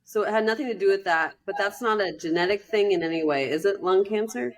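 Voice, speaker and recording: A woman's voice: medium pitch, quick pace. A woman co-hosting a casual podcast, curious and sympathetic, asking lots of questions. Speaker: podcast co-host.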